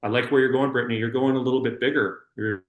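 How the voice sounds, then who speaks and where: A middle-aged man leading a workshop. He talks in an energetic, emphatic way, repeating words and using plenty of fillers. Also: medium pitch, fast talker, roomy sound. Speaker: workshop instructor. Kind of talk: public speaking workshop talk.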